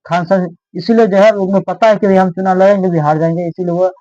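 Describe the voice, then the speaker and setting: A man with a high-pitched, steady, mellow voice talks a little fast, rambling through casual political commentary and constantly asking his listeners "ठीक है ना?" ("right?"). The recording is dull, lo-fi and dry, with no echo.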